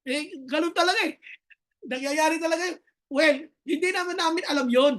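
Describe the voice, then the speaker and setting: A Filipino woman pastor delivers a sermon in a notably high voice. She moves between Tagalog and English, slows down for scripture and lightens things with funny everyday stories. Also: fairly bright tone. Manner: mixes Tagalog and English, reads scripture slowly, tells humorous anecdotes.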